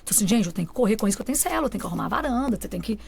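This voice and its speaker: This guest in a radio studio speaks fast, at a fairly high pitch, with vocal fry and a breathy edge. Giving an emotional testimony about her own life, she stays animated and frequently performs the quoted words of family and friends.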